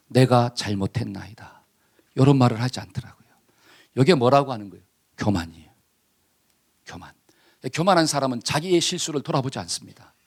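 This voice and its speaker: Male pastor, emphatic sermon, rhetorical questions, high voice. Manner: leads congregation in call-and-response reading.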